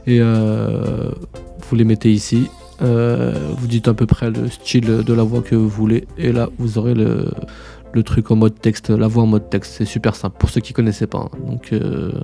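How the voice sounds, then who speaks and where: A man's voice: medium pitch, creaky, mellow. A man hosting a casual screen-share tutorial, informal and slangy, chatting to viewers like buddies. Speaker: tutorial host.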